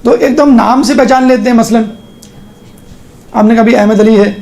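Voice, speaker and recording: In a casual online lesson, a religious teacher guides listeners step by step through a screen, keeping things conversational and checking in often. Scripture is recited in slow, measured phrases, and the voice is mid-range and darkish with vocal fry.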